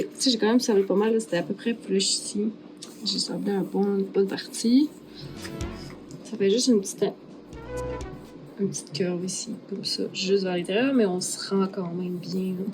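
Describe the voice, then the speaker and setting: A woman with a Québécois French accent talks through a craft process in a medium-pitched voice. She is informal and thinks aloud, dropping in English words here and there. Music plays clearly behind her. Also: poor audio. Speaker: craft artist, vlog host. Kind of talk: casual making-of vlog, explaining steps. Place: art workshop. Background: background music.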